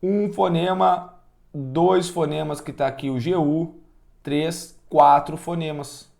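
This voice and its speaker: A man with a Brazilian Portuguese accent teaching a class, energetic, asking the students questions and counting out loud. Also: a little high, slow pace, vocal fry. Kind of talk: online class lecture.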